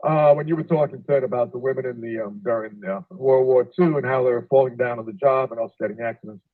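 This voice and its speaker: A man speaking as a remote guest over a video call connection that keeps breaking up, telling a story in a halting way with many fillers. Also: mid-range voice. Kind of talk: casual panel discussion. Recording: tinny phone-like video call audio.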